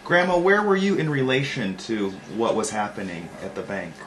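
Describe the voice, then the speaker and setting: A man behind a home video camera at a family gathering, asking gentle, prompting questions as the interviewer. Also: on the low side, big pitch swings, moderate pace, slight background noise.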